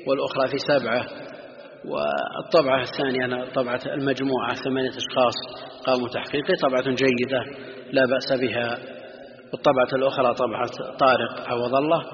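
A man teaching as an Islamic scholar in a classroom lecture on hadith books, with a measured scholarly delivery and long pauses between phrases. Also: medium pitch, fairly bright tone, a little hiss or hum. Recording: muffled lo-fi recording with long hall reverb.

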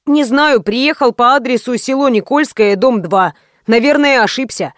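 A woman voicing a heroine disguised as a folksy, apologetic male taxi driver, lowering her voice. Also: moderate pace, no room sound, clean studio sound, close to an everyday voice. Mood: feigned innocence.

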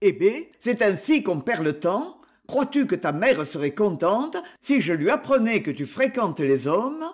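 A fussy shop master nags and scolds with indignation, as a male reader puts him on. His pitch rises and falls a lot. He lays out each reproach slowly. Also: big pitch swings. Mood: scolding. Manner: nagging, indignant.

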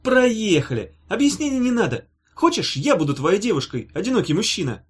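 A man reading a storybook voices a sharp-tongued, scornful young woman with a mocking, sarcastic manner. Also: mid-range voice, big pitch swings, a little fast, slightly rough, pitched above the performer's own voice. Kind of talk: audiobook character voice.

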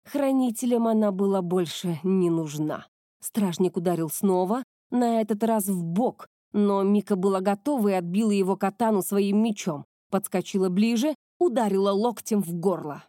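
A woman reads an audiobook in a steady, even storytelling manner. Her voice is mellow and darkish at an ordinary middle pitch. The recording is close and dry, with no room sound. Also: normal speed, no room sound. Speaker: narrator. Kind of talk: audiobook narration of a fantasy novel.

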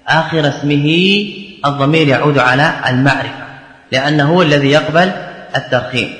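A man teaching grammar, explaining a verse text line by line, asking and answering his own questions and repeating key phrases slowly. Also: a little high, fairly bright tone. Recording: echoey hall with long reverb.

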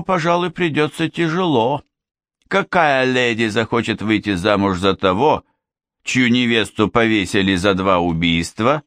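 A man voicing a mocking, sharp-tongued gentleman who speaks with a sneering, ironic edge. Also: mid-range voice, no room sound, studio quality, voice pushed up.

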